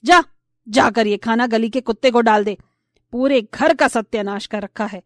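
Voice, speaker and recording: A woman voicing a spiteful older mother-in-law in a storybook tale, who scolds in a shrill, nagging way. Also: moderate pace, dry recording, studio quality, close to an everyday voice. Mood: scolding. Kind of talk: storybook voice acting.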